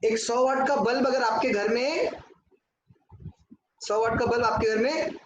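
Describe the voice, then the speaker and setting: A man teaching a lesson in a very high register, and he answers the questions he puts to the class. His voice rings around a hard, echoey room, and there is steady noise behind it. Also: measured pace, lo-fi sound. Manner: talks at a board, asks and answers his own questions, mixes in English. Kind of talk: classroom lecture.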